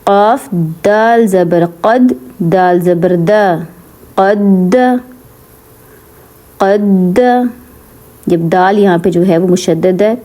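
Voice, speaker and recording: Casting: woman Quran reading teacher with a Pakistani Urdu accent, mellow and warm, patient and repetitive. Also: fairly low pitch, fairly even intonation. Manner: patient, repetitive, drawn-out spelling of syllables. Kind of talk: slow syllable-by-syllable lesson with quick explanations.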